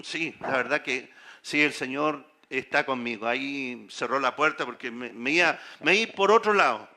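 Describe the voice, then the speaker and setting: A male pastor delivers an emphatic sermon in a church, speaking in a high, piercing register. His tone is very bright and edged. He keeps turning to the congregation with rhetorical questions. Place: church sanctuary.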